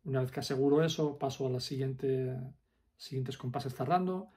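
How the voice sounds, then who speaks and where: A man's voice: medium pitch, normal speed, warm tone. A man teaching accordion step by step, patiently explaining fingering and counting the beats aloud. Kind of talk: step-by-step music lesson.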